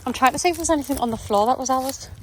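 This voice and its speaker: A woman's voice: high voice, rapid-fire, fairly bright tone. A woman chatting casually and rambling as she vlogs on a handheld camera. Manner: chatty, rambling, laughing asides. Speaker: vlogger. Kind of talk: casual vlog chat. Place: outdoors by a lake. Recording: outdoor noise.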